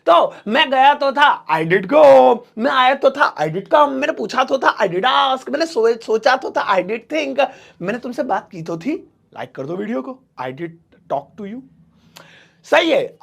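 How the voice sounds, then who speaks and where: A man with a high, gravelly voice teaches English sentence patterns in a loose, chatty way. He jokes between drills and slows right down to repeat each example. The sound is close and direct. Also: fairly bright tone. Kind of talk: casual Hindi English lesson.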